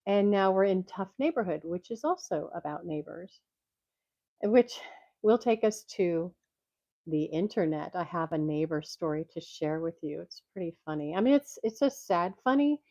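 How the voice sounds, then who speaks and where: An older woman talks in a relaxed, rambling way and laughs easily, her voice mellow and a little congested. The sound is dull and tinny, like speaking through a tin can, and very dry. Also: on the low side, normal speed, no echo. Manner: chatty, rambling, laughs often. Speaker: vlogger reading jokes. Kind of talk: casual chat. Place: at home. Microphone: microphone clipped to her glasses.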